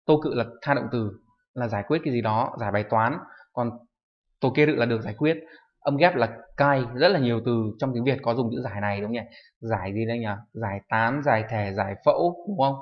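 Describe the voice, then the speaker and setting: A man's voice: mid-range voice, fairly quick, lo-fi sound. A man teaching a recorded online kanji lesson. He lists items steadily and checks in often with rhetorical questions. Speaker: Japanese teacher.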